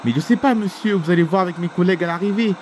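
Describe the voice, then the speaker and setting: A flustered flight attendant, voiced by a man, keeps apologizing and trips over his words in a homemade toy-figure film. The voice is fairly high, with steady noise in the background. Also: very fast, close to an everyday voice. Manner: hesitant, stumbling apologies.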